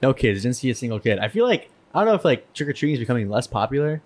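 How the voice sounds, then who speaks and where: A man hosting a podcast, chatting casually and joking with relaxed banter. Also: medium pitch, rapid-fire. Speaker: podcast host. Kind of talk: casual chat.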